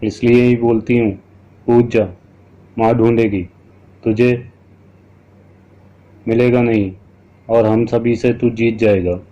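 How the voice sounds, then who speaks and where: A man's voice: medium pitch, fairly even intonation, slow pace, pauses often, highs cut off, close to an everyday voice. A man voicing a cruel young ghost girl who harshly orders a man to jump, in an audio horror story. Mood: harsh taunting. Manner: harsh, commanding.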